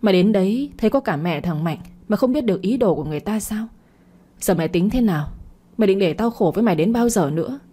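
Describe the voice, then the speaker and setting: A woman's voice: lively intonation, fast talker, warm tone, breathy edge. A woman doing a furious scolding old aunt. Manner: shrill, abusive scolding. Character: harsh, bitter older aunt, scolding.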